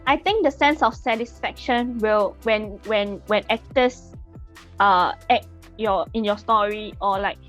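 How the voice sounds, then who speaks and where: A woman's voice: medium pitch, measured pace, fairly bright tone, faint music behind. A woman in her twenties with a Singaporean English accent, a podcast guest in casual chat who laughs often and hesitates with fillers. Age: 20s.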